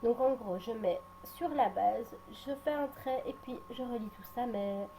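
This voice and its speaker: A woman's voice: on the high side, a little slow, dark tone, a little hiss or hum. A woman giving a casual makeup tutorial at home, hesitant and full of filler sounds and restarts as she talks through each step. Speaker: beauty vlogger.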